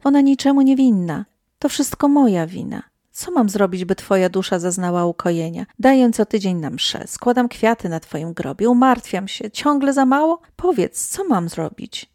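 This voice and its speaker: A woman's voice: medium pitch, expressive, normal speed, mellow, no room sound, clean studio sound, lightly acted. Woman voicing a pleading guilt-ridden mother.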